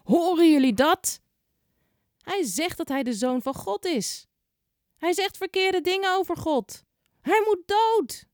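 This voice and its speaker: A woman voicing a stern old male high priest in a storybook tale, speaking slowly and gravely. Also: animated, a little mellow, no room sound, clean studio sound. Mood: outraged. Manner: slow, grave questioning.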